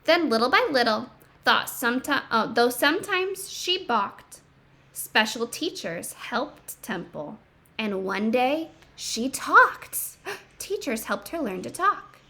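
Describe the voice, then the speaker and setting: Reading a picture book to a group of kids, a woman speaks in a slightly high voice. She is expressive and emphatic, breaking off now and then to explain and pose questions.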